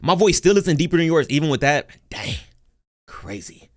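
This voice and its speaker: Animated man reacting loudly. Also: a little high, moderate pace. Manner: loud, animated, laughing interjections. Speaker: reaction streamer. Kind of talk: casual live reaction commentary.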